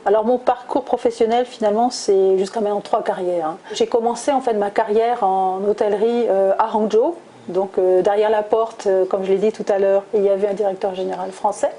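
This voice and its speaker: A middle-aged woman, a guest answering interview questions thoughtfully, pausing often with hesitations. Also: medium pitch, fairly even intonation, warm tone, poor audio. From France, southwest (Toulouse). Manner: thoughtful, many hesitations with "euh". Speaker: guest, recruiter.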